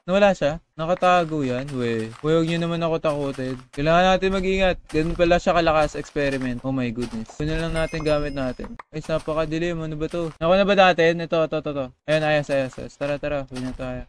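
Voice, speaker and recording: A man's voice: on the high side, fast talker, few pauses, a little hiss or hum. A young man casually commentating a live game stream, chatting to viewers and reading their messages aloud. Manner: chatty, reads chat aloud, screams when startled. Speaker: gaming streamer.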